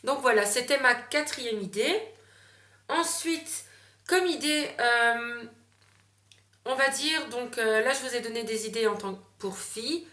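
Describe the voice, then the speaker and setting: Young woman, beauty vlogger, chatty and rambling, bright tense voice, roomy echo. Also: a little high, measured pace. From Belgium. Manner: chatty, many fillers and self-corrections. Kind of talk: casual gift-ideas vlog.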